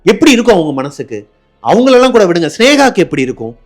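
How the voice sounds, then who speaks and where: A man from narrating a horror story, acting out the characters' lines and dropping low and quiet for suspense. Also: sing-song, fast. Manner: acts out dialogue, drops low and quiet for suspense. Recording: faint background music.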